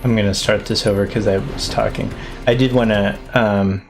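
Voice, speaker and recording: A man's voice: on the low side, fairly even intonation, normal speed, gravelly. Hesitant man over music. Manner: hesitant, many ums and restarts. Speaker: stream co-host. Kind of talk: casual podcast chat.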